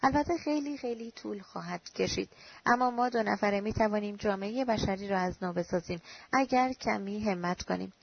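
A woman's voice: medium pitch, gravelly, breathy edge. A woman reading as an anxious, pleading man. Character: anxious lonely man clinging to love. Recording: dull lo-fi recording.

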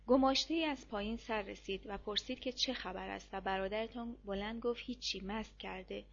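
A woman narrating a novel aloud in steady, measured storytelling. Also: mid-range voice, lo-fi sound. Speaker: audiobook narrator. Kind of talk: reading a war novel aloud.

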